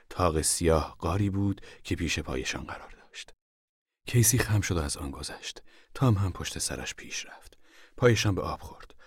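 A man narrating an audiobook in a measured way, sometimes dropping to a whisper in tense passages. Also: sits low, slightly rough, dry recording, clean studio sound.

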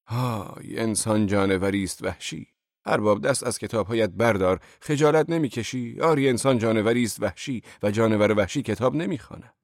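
A man voicing a boisterous, mocking older male laborer who talks loud and teasing in an audiobook. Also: lowish voice, expressive, no echo, studio quality, pitched above the performer's own voice. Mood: rowdy teasing.

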